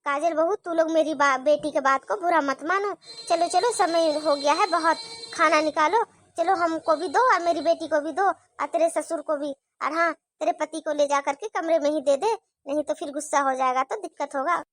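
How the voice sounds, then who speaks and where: A woman's voice: high-pitched, normal speed, fairly bright tone, no echo. A woman voicing a fond, worried older mother-in-law in a cartoon story, fussy and chatty.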